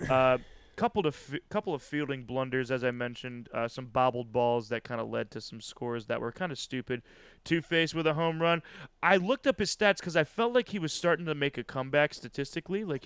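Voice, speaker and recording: A man's voice: medium pitch, a bit bright, smooth, no room sound. A man co-hosting a casual sports podcast, recapping a game play by play with easy chuckles. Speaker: podcast co-host.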